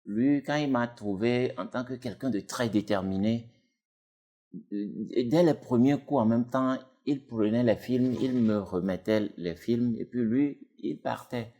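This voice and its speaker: A man's voice: measured pace, mellow. A man talks casually as an interview guest. He rambles, restarting sentences and leaning on fillers as he explains his dubbing work. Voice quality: deep voice. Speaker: dubbing actor and technician, guest.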